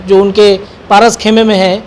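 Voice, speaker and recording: A woman's voice: medium pitch, level tone, darkish tone, a little hiss or hum. Woman news host introducing a discussion. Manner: measured, sets up questions for a guest.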